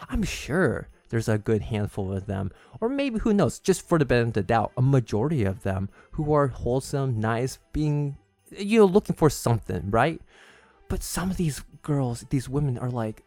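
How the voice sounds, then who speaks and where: A man's voice: mid-range voice, no echo. A man hosting a casual solo podcast, telling personal stories in a chatty, confiding way. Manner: calm, unhurried at first, growing more animated. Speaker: host of a series.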